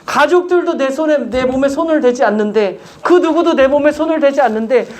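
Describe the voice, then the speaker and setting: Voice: sits high, brisk, a little mellow. A pastor preaching a sermon in church, urging the congregation with repeated rhetorical questions.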